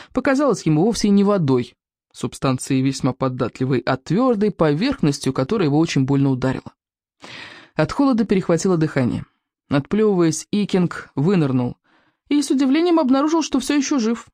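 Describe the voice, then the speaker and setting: An audiobook narrator reading an adventure story with animated, dramatic delivery that slows and stretches words for suspense. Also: medium pitch, no echo, clean studio sound.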